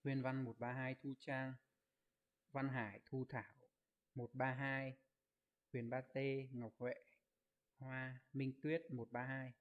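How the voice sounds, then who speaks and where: A man teaching an online Japanese exam review class. He explains each answer step by step, keeps asking his students to confirm, and reads out their comment answers in a quick list. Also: mid-range voice, flat delivery, highs cut off. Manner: explains step by step, asks rhetorical check questions.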